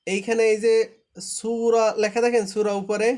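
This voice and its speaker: High-pitched male tutor, drilling reading rules over an online class and checking that students follow. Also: little pitch movement, moderate pace, a little mellow. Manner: patient, repetitive, often checks understanding. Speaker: Quran recitation teacher. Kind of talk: live online class instruction. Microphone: online live class.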